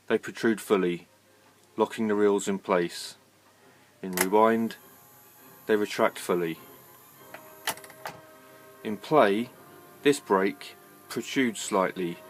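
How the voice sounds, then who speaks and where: A man with a lowish voice gives a technical demonstration, presenting equipment as if reading from a script. His delivery is measured and matter-of-fact.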